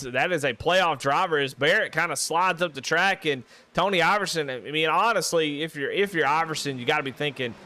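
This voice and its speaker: A man calling a live sim race in casual, folksy play-by-play, getting loud and excited when the cars make contact. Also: mid-range voice, a little hiss or hum. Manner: excitable, rising sharply and loud during wrecks; folksy, casual Southern phrasing. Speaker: race commentator.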